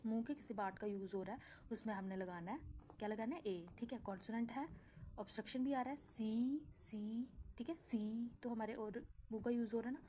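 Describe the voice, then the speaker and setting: A woman teaching an English grammar lesson, explaining slowly with examples and checking in often with the class. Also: fairly high pitch, dark tone, a little hiss or hum.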